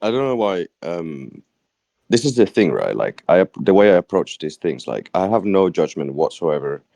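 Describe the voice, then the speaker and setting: A man's voice: deep voice, sing-song, moderate pace, creaky, dark tone, dry recording. A man with a British accent chatting on a trading stream, talking things through in a reflective, rambling way. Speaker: fellow trader on stream. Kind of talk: casual stream chat.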